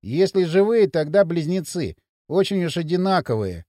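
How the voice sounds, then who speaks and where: A man's voice: fairly high pitch, sing-song, moderate pace, warm tone, no room sound, studio quality. A man voicing a timid, plump young man who mumbles and frets nervously.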